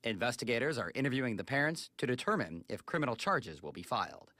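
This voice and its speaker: A man filing a scripted TV news report in a measured delivery. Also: medium pitch, sing-song, bright, forceful tone, dry recording.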